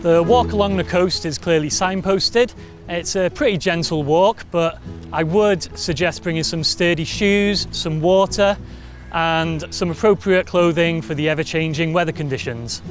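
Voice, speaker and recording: A man's voice: a little high, moderate pace. A man presenting a walk outdoors on a coastal path, upbeat and conversational. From Wales. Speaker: walking presenter. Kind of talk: presenting a travel walk to camera. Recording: faint guitar music behind. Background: soft guitar music.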